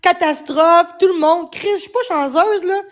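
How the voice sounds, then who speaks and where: A woman's voice: very high-pitched, normal speed. A young woman with a Quebec French accent, ranting defensively on a livestream and stumbling over repeated words. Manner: agitated, defensive, stammering repeats. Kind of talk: upset livestream rant.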